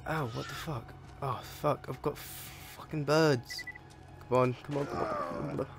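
A man's voice: mid-range voice, a little slow, music in the background. Swearing young-sounding man narrating his gameplay. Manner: chatty, swears a lot, sudden excited yelps. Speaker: gaming video creator. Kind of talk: let's play commentary. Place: home room.

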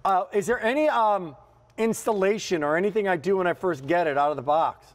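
High-pitched American male home shopping host, reverberant. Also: a little fast. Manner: enthusiastic, folksy exclamations and sales patter. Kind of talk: live home shopping sales presentation. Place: home shopping television studio with kitchen set.

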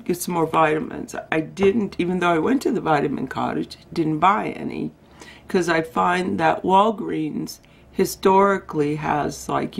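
A woman vlogger chatting in a rambling, digressive way, her voice going hoarse as she loses it. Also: lowish voice, slight background noise, low-quality recording. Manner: chatty, digressive, self-interrupting. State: losing her voice. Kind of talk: casual rambling vlog chat.

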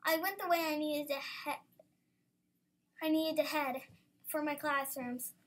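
Young girl reading her story out loud, high pitched, gets all excited. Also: a little slow. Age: child. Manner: lively, bursts into excited exclamations. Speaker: student storyteller.

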